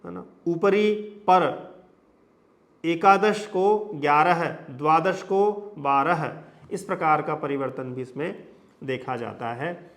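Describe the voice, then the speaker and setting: A man's voice: a little high, slow, a bit bright. A man teaching a lesson on sound change, explaining step by step through long lists of examples and frequent tag questions. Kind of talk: lecture on phonetics.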